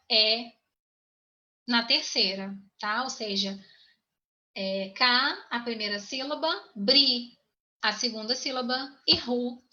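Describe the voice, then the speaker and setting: High, bright-voiced woman teaching slowly. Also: highs cut off. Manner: patient, repeats points and checks in with students. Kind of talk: online grammar lesson.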